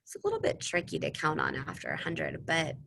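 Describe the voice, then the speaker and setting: A woman's voice: deep voice, wildly swooping pitch, a little fast, gravelly, a bit bright, slight background noise. A woman teaching young children a math lesson in an exaggerated, sing-song, encouraging kindergarten-teacher voice, posing questions and answering them herself. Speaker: elementary school teacher.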